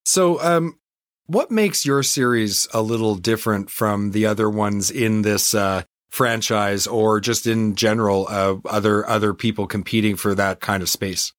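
A man's voice: on the low side, a little slow, a bit bright, no echo, studio quality. A man hosting an interview show, speaking conversationally as he puts questions and addresses his audience. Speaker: show host.

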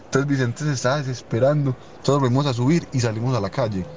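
A young man telling a funny anecdote in a rapid, rambling, amused way. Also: mid-range voice, a little mellow, dull audio, slight background noise. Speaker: storyteller. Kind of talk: casual anecdote.

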